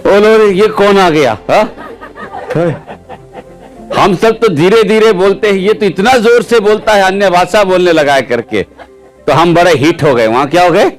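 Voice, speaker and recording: Male preacher with a somewhat high voice, lively testimony storyteller who keeps quizzing the audience, faint music behind. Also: normal speed. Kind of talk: sermon testimony.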